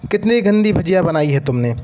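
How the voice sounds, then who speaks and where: A man voicing a sharp-tongued older mother-in-law who scolds and taunts, in storybook narration. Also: on the high side, expressive, brisk, close to an everyday voice. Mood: scolding.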